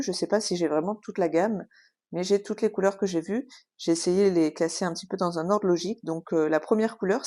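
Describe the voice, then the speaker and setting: A woman's voice: fairly low pitch, mellow. Hesitant woman explaining craft swatches. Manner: hesitant, many filler sounds; chatty, explanatory. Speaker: craft tutorial host. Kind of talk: casual tutorial demonstration.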